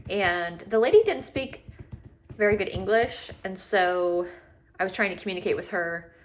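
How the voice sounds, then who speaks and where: A woman's voice: medium pitch, moderate pace, slight background noise, low-quality recording. A woman speaking informally and conversationally, telling the story of her own animal rescue as a vlogger. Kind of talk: casual storytelling to camera.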